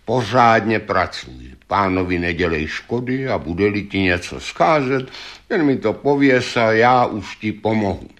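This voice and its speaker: A man voicing a wise magic talking horse that gives calm advice and sudden urgent warnings. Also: on the low side.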